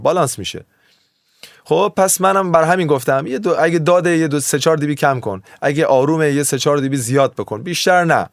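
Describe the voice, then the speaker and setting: A man's voice: medium pitch, no echo, studio quality. A man explaining audio mixing in a casual, chatty tutorial, wandering off into tangents and then waving them away. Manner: chatty, digressive, often waves off his own tangents. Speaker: music producer teaching mixing.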